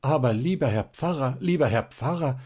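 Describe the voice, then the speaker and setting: A man's voice: on the low side, lively intonation, measured pace, a little mellow, husky, heavily acted. A man voicing a poor, distressed peasant mother who pleads in a tearful, whining way.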